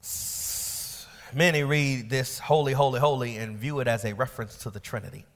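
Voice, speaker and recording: Preacher with big dynamic swings, hall reverb. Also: male voice, medium pitch, moderate pace. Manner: preaching with rising shouted peaks and quiet drops; colloquial asides. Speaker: pastor. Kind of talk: sermon. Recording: long church hall reverb.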